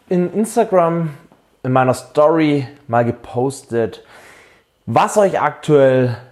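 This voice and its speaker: A man's voice: medium pitch, darkish tone. A man giving fitness coaching straight to the viewer, explaining home workouts and asking direct questions to push motivation. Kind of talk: direct-to-camera fitness advice.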